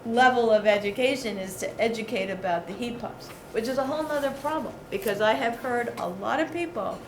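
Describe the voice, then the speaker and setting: Brisk and fairly high-pitched, a woman on a local committee gives her blunt, conversational take during an informal meeting discussion. The recording comes from an echoey indoor meeting room where background noise is clear.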